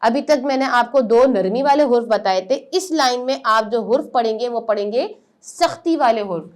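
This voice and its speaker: High-pitched woman teacher going over letter sounds, patient, drags each sound out slow. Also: darkish tone. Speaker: Quran reading teacher. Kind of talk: step-by-step pronunciation lesson.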